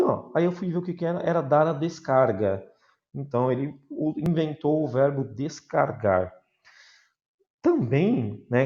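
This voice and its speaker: Male teacher from Brazil, lively and talkative with the class, mid-pitched voice, slightly dull lo-fi recording. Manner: lively, chatty, addresses students as "galera".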